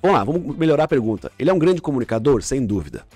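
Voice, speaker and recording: Fast-talking man explaining. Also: medium pitch, sing-song, darkish tone, husky, no room sound, soft background music. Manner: explanatory, example-driven, many restarts. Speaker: podcast guest, communication coach. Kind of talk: casual podcast chat.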